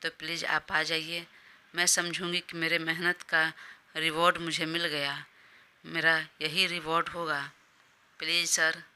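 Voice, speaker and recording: A woman's voice: deep voice, level tone, a little slow, pushed and bright, clear, resonant tone, heavily acted. A woman voicing a scheming young employee who pleads and coaxes her boss. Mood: coaxing. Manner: pleading, coaxing.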